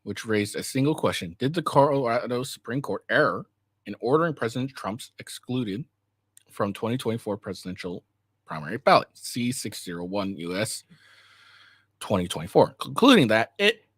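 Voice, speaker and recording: A man reading a legal document aloud in a halting way, stumbling over words and correcting himself, with a casual host's delivery. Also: fairly low pitch, husky, dry recording.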